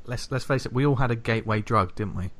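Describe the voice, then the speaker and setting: Guy hosting a comics podcast, jokey, laughs a lot, middling pitch. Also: quick pace, a bit bright. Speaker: podcast host. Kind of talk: casual podcast chat.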